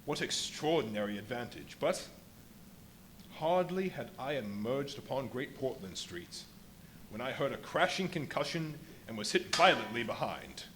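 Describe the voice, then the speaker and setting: A man performs the feverish, volatile scientist of a live radio play, boastful and theatrical. His mid-pitched voice swings widely through ornate confessions, with emphatic pauses. Background noise from the live venue runs under it. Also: sing-song, a bit bright. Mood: gloating. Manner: dramatic, literary phrasing with emphatic pauses.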